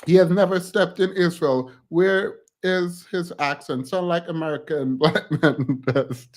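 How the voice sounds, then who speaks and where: A man's voice: fairly high pitch, slow pace. A man making casual reaction commentary, laughing through incredulous asides. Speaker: reaction streamer.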